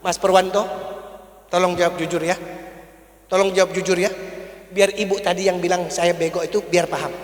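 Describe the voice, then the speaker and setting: A man's voice: high voice, level tone, moderate pace, long pauses. A man giving a playful, humorous sermon in a mosque hall, teasing the congregation and acting out little scenes. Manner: playful, teasing, acts out scenes, calls out to listeners. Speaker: preacher. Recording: echoey hall with long reverb.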